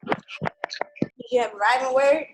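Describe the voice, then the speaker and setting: Kindergarten teacher lady on a video call, slow and clear with the kids, kinda high voice. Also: poor audio. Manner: patient, slow and clear with small children. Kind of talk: live online lesson.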